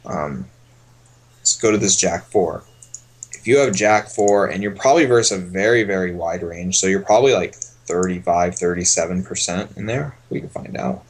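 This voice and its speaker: Guy with a lowish voice chatting thru poker hands, laid back, thinking out loud. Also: normal speed. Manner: relaxed, thinks aloud while explaining. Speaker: poker coach. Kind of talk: casual coaching stream.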